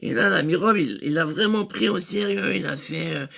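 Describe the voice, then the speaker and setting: A man's voice: sits high, normal speed, creaky, sharp tone. A man telling a rambling comic story in slang, hesitant and full of fillers and restarts.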